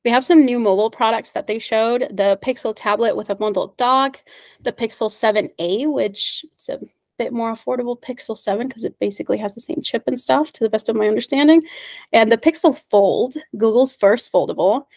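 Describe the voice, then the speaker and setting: This woman from the United States, a native Spanish speaker, presents at an online meetup via video call in a voice on the high side, a little mellow and fairly quick. Friendly and cheerful, she often uses fillers and laughs softly. There's no echo.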